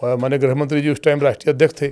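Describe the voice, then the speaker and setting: A man speaking as a politician guest on a podcast. He tells his story at length in a measured, steady way and refers to other leaders with formal honorifics. His voice sits at an ordinary middle pitch. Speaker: politician guest, state legislator. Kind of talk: long-form podcast interview answers.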